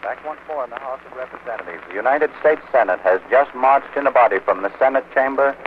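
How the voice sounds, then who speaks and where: Male 1940s on-the-spot radio reporter, polite and formal, old newsreel sound, narrow tinny line with steady hiss. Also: mid-range voice, quick pace. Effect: old newsreel-style radio broadcast. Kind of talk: 1940s live radio news coverage.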